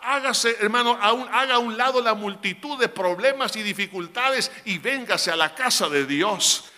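Brief: male pastor, sermon delivery, high and sharp-toned, emphatic, with a long reverb from the hall. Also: moderate pace. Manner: emphatic, addresses congregation as brothers, shouts quoted cries.

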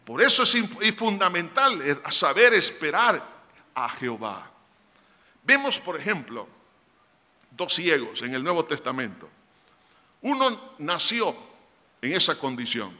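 Brief: male pastor, sermon delivery, high and sharp-toned, emphatic, with a long reverb from the hall. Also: sing-song, measured pace, long pauses. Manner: emphatic, addresses congregation as brothers, shouts quoted cries.

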